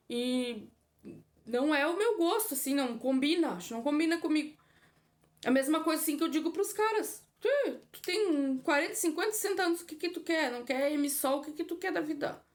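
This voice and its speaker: A woman with a high voice talks straight to her viewers in a casual vlog. She is blunt and repeats herself, tagging her points with little checks for agreement. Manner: blunt, repetitive, frequent filler tags. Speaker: vlogger. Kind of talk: casual opinion monologue to camera.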